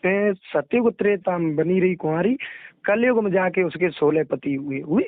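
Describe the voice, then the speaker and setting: On a recorded phone call with narrow, dry audio, a young religious storyteller talks casually, explaining matters in a deferential manner. His male voice sits high and moves at a moderate pace.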